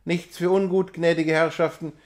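A proud young peasant barks out toasts and orders with swagger, as a man reading a novella puts him on. The voice sits slightly high for a man. It is a storybook reading, not a full performance. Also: little pitch movement, normal speed, a little mellow, close to an everyday voice. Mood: boastful. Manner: commanding, swaggering. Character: proud young male peasant, boastful dancer. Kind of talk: reading a classic novella aloud.

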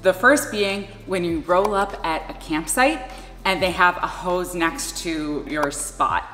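In an indoor garage workshop next to her van, a woman in her thirties vlogs casually to camera about her camper van build. Her voice is on the low side, slow-paced, pushed and bright. The room sounds echoey and reverberant, with music playing behind her.

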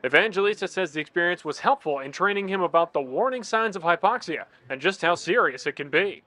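Bright, higher-pitched American news reporter, male. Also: lively intonation, brisk, no room sound. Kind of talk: scripted news narration.

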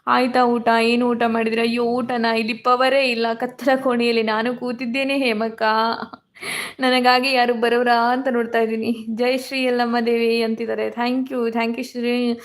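A woman hosting a casual live stream from her phone in a dark room at home, her voice hoarse and cracking from illness as she greets viewers by name. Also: fairly high pitch, level tone, normal speed. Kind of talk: casual live chat reading comments. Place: dark room at home during power cut.

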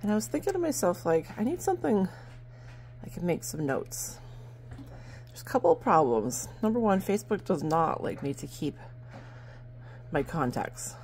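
Sitting indoors at her table, this middle-aged New Hampshire vlogger and barn sale seller rambles about her sales with plenty of fillers, filmed on a handheld phone. Her low, slightly mellow voice is very animated, at normal speed with frequent pauses, over a faint hiss or hum.

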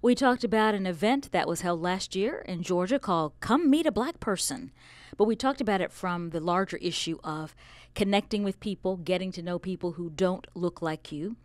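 A woman's voice: on the low side, moderate pace, no room sound. Upbeat woman hosting a podcast panel. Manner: lively, upbeat introductions. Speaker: podcast host. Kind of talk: casual panel talk.

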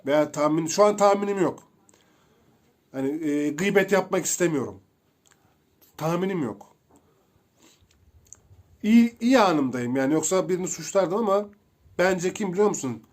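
A young man giving casual, excitable commentary while playing a video game, chatting to his viewers as he goes. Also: high-pitched, normal speed, long pauses. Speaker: gameplay streamer.

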